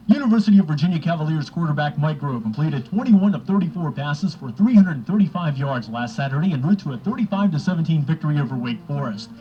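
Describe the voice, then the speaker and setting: On a dull, lo-fi old radio aircheck, a male radio reporter reads scripted news and sports. His voice is fairly high-pitched and a little mellow.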